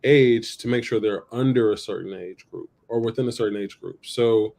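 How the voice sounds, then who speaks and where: A man's voice: lowish voice, moderate pace, vocal fry, darkish tone. A man co-hosting a podcast, talking loosely through his ideas, repeating himself and checking in with "right?". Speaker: podcast co-host. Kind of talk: casual chat.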